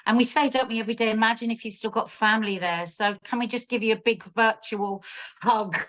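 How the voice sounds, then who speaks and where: A woman's voice: fairly high pitch, fairly even intonation, fairly quick, a bit bright, poor audio. A woman from South hosting a casual video-call chat, gushing and emotional as she talks on at length. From South London, England. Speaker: host.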